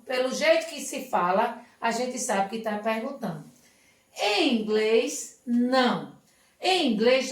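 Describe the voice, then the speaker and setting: A woman teaching English, her voice a little high and unhurried. She explains step by step and keeps checking that the class follows. She sits far back from the mic in a room that echoes. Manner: slow, patient, often checks understanding. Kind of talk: remote classroom lesson.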